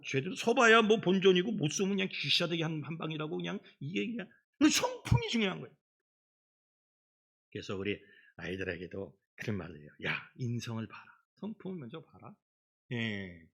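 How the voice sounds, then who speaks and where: A middle-aged man preaching a children's Sunday sermon as pastor, in an animated storytelling manner. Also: on the high side. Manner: animated storytelling, acts out quoted voices. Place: church sanctuary.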